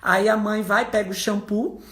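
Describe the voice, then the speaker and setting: A Brazilian woman, a psychologist, explaining casually to viewers as a lively storyteller who acts out the people she quotes. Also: mid-range voice, moderate pace, echoey room.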